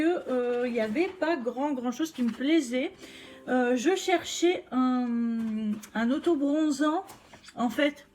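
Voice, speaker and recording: High-voiced lady rambling about her haul, lots of "euh", faint music behind. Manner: chatty, many fillers and restarts. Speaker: vlogger showing shopping haul. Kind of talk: casual chat.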